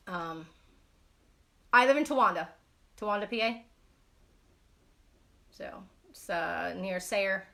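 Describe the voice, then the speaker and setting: A woman's voice: fairly low pitch, creaky, fairly bright tone. A woman from Brooklyn, hosting a casual knitting live stream, talking bluntly with lots of swearing and rambling fillers. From Brooklyn, New York.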